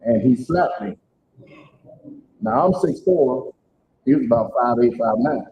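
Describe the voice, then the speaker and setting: A middle-aged man speaks to a live audience at a church event, telling his own story in a plain-spoken, emphatic way. His voice is expressive and warm, a little slow, and the recording sounds tinny like a phone, with a faint rumble.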